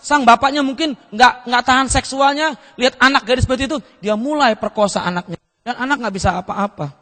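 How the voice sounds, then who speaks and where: A man's voice: very high-pitched, brisk, fairly bright tone. A male pastor preaching at a seminar, telling a story and questioning the audience often. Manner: asks the audience frequent rhetorical questions. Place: church seminar hall. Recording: long hall reverb.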